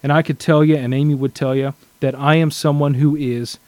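A man's voice: a little high, little pitch movement, a little fast, darkish tone, dry recording. A man sharing his thoughts in a casual scripture study discussion, earnest and reflective, often restarting his sentences.

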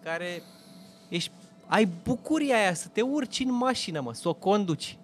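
A man in casual chat, arguing his point emphatically, with a rough, blunt way of addressing his friend. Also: sits high, expressive, faint music behind. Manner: emphatic, argumentative, calls people "bă" and "mă".

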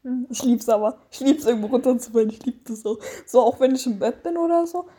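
Woman, high voice, eager, gushing, trips over words, casual chat. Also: expressive, fast talker, mellow, husky. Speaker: co-host.

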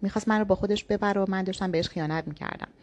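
A woman reading a novel aloud in the first person, with even, intimate storytelling. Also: medium pitch. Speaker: audiobook narrator.

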